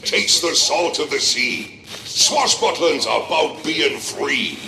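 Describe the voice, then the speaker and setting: A gruff old pirate seafarer from a video game, jovial and free-spirited. His gravelly voice has a hard, bright edge and drawls along slowly in an echoey space. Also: fairly high pitch, animated, slight background noise, exaggerated voice. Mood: hearty, easygoing. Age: older. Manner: slow, salty old seafarer talk.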